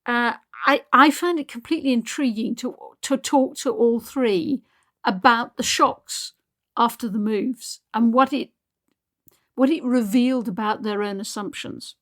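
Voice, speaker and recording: A woman's voice: a little high, measured pace, a bit bright. A woman hosting a podcast as expedition leader, speaking reflectively with frequent restarts. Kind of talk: podcast narration.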